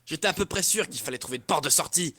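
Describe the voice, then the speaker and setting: Bright-voiced man reading mock-pedantically. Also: fairly high pitch, expressive, fast talker. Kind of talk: comic fan-fiction reading on stream.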